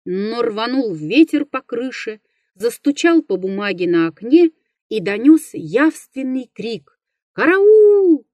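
A woman narrates a literary story with a measured, steady delivery. Her voice is somewhat high yet mellow and dark in tone, unhurried, and recorded dry and close. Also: no echo. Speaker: reader.

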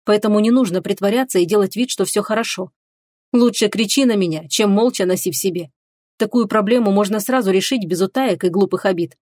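A woman voicing a stern, devoted male warrior who speaks seriously and in a measured way. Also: mid-range voice, darkish tone, no room sound, lightly acted. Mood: tender.

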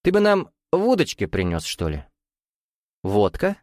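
A man's voice: fairly high pitch, big pitch swings, normal speed, no room sound, clean studio sound, pitched above the performer's own voice. A man voicing a jovial, sly bearded Russian nouveau-riche man who teases in a folksy, coaxing way with veiled menace.

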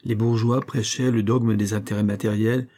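A man narrating a classic novel as an audiobook, in a steady literary reading. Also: fairly low pitch, normal speed. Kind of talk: scripted narration.

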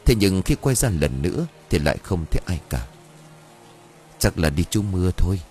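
A man narrating a ghost story aloud in an expressive storytelling way. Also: deep voice, normal speed, soft background music. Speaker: audiobook narrator.

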